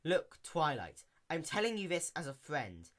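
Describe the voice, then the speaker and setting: A man's voice: fairly high pitch, wildly swooping pitch, measured pace, fairly bright tone, pitched above the performer's own voice, exaggerated voice. A man voicing a stern, weary female pony mayor with a theatrical, lecturing delivery in a storybook reading. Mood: pleading, exasperated. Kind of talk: dramatic reading of fan fiction.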